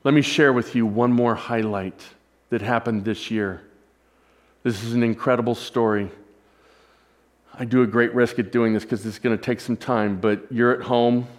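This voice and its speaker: A male pastor addressing his congregation watching from home, relaxed and joking as he introduces a testimony. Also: medium pitch, moderate pace. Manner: informal, joking aside to home viewers. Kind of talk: sermon.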